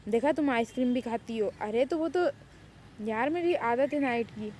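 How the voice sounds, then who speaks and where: A woman's voice: a little high, darkish tone, slight background noise, natural voice. A woman playing an anxious, pleading young doctor. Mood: defensive. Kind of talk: amateur Urdu fan drama.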